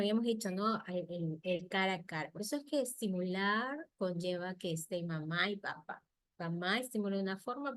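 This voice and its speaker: A middle-aged woman, a speech therapist giving a lively health talk on child language. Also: medium pitch, no echo. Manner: lively, acts out parents' and children's voices.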